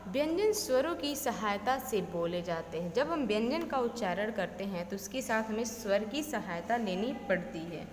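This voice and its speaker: A woman, teaching a slow classroom lesson, reciting letters and asking and answering her own questions. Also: mid-range voice, lively intonation, a little hiss or hum. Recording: echoey room with faint ambience.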